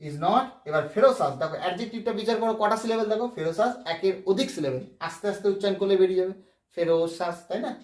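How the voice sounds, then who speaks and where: Male grammar tutor, high voice, patient step-by-step explainer, recorded at a distance in a roomy space. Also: racing, few pauses, darkish tone. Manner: explains step by step, often asks "right?". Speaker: English grammar teacher. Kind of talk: Bengali-language grammar lesson. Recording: echoey room, mic at a distance.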